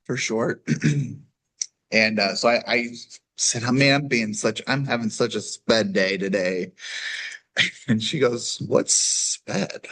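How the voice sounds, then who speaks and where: In a medium-pitched, slightly bright voice, a middle-aged guest speaks slowly with frequent pauses during a casual chat. He spins jokey anecdotes and performs the voices of the people he quotes.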